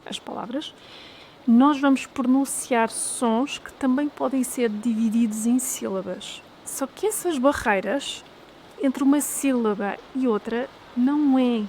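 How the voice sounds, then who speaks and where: A woman with a European Portuguese accent, a language teacher and mother, giving a clear, deliberate video lesson. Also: a little high, darkish tone, a little hiss or hum. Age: adult with a child. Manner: clear, deliberate, slows down to spell out example phrases.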